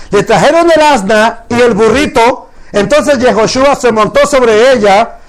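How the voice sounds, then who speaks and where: A man with a strikingly high voice preaches a sermon to his congregation. He keeps asking questions and answering them himself, and he slows right down to draw out Hebrew words for emphasis. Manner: draws out Hebrew phrases slowly for emphasis.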